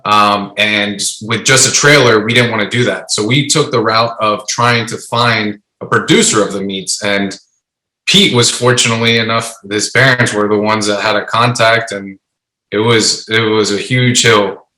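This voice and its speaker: A man's voice: lowish voice, fairly even intonation, normal speed, pushed and bright, roomy sound, low-quality recording. A man, co-owner of a food truck, explaining their business steadily in an interview. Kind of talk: casual interview answers.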